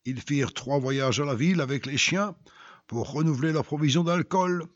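A man reading a dramatic story aloud, swinging between loud and hushed delivery. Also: fairly high pitch, normal speed, no echo. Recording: dull lo-fi recording.

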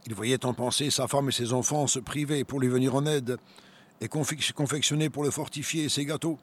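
A man's voice: medium pitch, fairly even intonation, a little fast. A man preaching and reading a testimony aloud with earnest, dramatic storytelling.

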